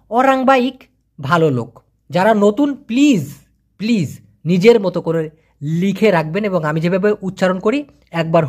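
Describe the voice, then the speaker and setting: Brief: language tutor from Bangladesh, animated up-and-down delivery, drills pronunciation slowly and patiently. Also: medium pitch. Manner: encouraging asides to learners. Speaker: language teacher. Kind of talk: online language lesson.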